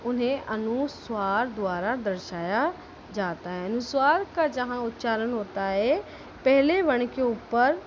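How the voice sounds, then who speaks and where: A woman school teacher explaining a grammar lesson step by step, stressing example words slowly and checking that students follow. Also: fairly high pitch, expressive, dull audio, slight background noise. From India.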